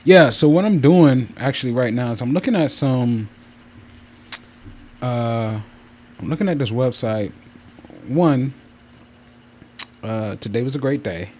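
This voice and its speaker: A fan's noise sits faintly behind a man with a mid-pitched voice, recorded in a room at home. He talks casually as a livestream host, wandering through his thoughts and repeating phrases as he finds his way back. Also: measured pace, pauses often. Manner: rambling, circles back and repeats himself. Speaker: streamer hosting a channel. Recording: clear steady fan noise. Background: fan running.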